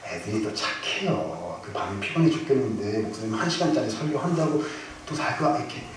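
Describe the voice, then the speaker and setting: Low-voiced pastor, booming church echo. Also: male voice, a little fast. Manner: expressive, swinging between loud bursts and hushed near-whispers. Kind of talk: storytelling sermon. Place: church sanctuary. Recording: very echoey hall, from far off, noisy.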